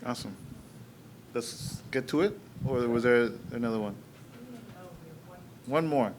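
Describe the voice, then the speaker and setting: A male lecturer runs the question round after his talk, gathering the questions and then answering them. He speaks slowly and in an easygoing, plain-spoken way. His voice is of average pitch. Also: a little hiss or hum.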